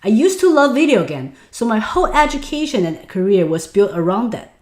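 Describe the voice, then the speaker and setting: Her voice a little high and fairly quick, a woman in her thirties from Taiwan explains online selling in an echoey room. She's a native Mandarin speaker with a Taiwanese accent, animated and earnest, regularly urging webinar viewers to answer in the chat.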